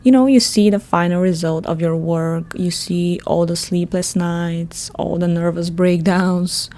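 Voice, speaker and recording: A woman's voice: fairly low pitch, steady tone, measured pace, mellow. A woman in her thirties from Bulgaria, with a Bulgarian accent, hosting a solo podcast in a chatty manner and laughing often. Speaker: podcast host.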